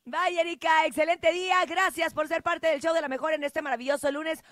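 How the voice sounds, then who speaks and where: High-voiced playful Mexican radio host woman. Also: steady tone, a little fast, fairly bright tone, dry recording, studio quality. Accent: Mexican Spanish. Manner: teasing, playful. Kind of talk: morning radio banter.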